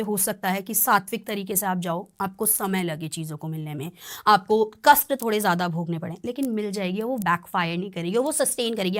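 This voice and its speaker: A woman tarot reader talking on a podcast, explaining in an earnest, warning tone. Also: mid-range voice. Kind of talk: podcast conversation.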